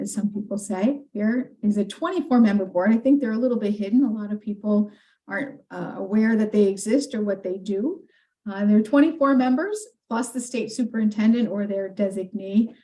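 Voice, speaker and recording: A woman gives a committee briefing in a mellow, darker-toned voice. She explains steadily and leans on frequent fillers as she goes. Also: mid-range voice, rough recording. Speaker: legislative staff presenter.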